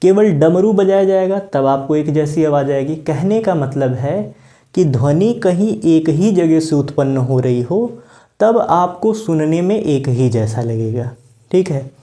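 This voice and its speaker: A man teaching a Hindi grammar lesson, explaining patiently, repeating key words and reciting verse lines slowly. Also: fairly high pitch, expressive, dark tone.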